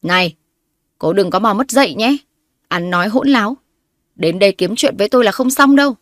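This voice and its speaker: A woman narrator voicing a spiteful, scheming older mother-in-law who scolds and insults loudly. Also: mid-range voice, expressive, normal speed, no room sound, clean studio sound, close to an everyday voice. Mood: scornful.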